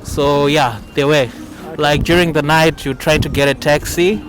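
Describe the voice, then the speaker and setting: Brief: easygoing man from Zimbabwe, slightly high voice, hesitant street interviewee. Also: steady tone, measured pace, low-quality recording. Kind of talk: casual interview answers.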